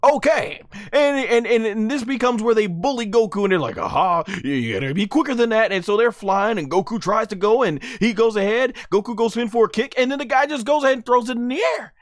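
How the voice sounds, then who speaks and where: A man doing excited anime fight commentary in hyped wrestling-style banter, often stammering and restarting. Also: extremely high pitch, a little fast, hardly any pauses, no echo, studio quality.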